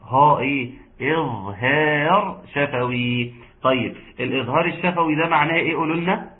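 Egyptian tajweed teacher on a tinny call. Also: male voice, fairly high pitch. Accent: Egyptian Arabic. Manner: chants verses slowly, then explains rules quickly. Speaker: Quran recitation teacher. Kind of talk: online tajweed lesson. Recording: tinny online call audio.

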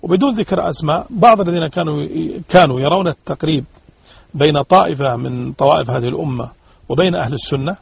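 A man's voice: fairly high pitch, fast, gravelly, slightly rough. A man on a religious discussion panel, arguing emphatically, repeating his points and posing rhetorical questions. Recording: dull radio-like sound.

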